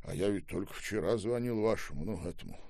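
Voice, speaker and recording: A man's voice: low voice, animated, brisk, gravelly, darkish tone, breathy edge, no echo, studio quality, full character voice. A man voicing a shaken middle-aged father who speaks with difficulty, in an audiobook. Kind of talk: audiobook character voice.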